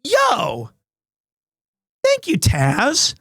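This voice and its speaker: Streaming from his apartment's home stream room, a loud, high-voiced American man chats casually with viewers in a big voice, rambling with many restarts. He talks very slowly with huge pitch swings and a creaky, breathy edge, captured in a dry, studio-quality recording.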